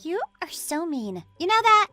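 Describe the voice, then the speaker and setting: A woman's voice: extremely high pitch, sing-song, normal speed, pushed and bright, faint music behind, full character voice. A woman voicing an indignant young woman who bickers with her partner in a text-story narration. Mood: hurt. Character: whiny defensive young woman, cafe co-owner.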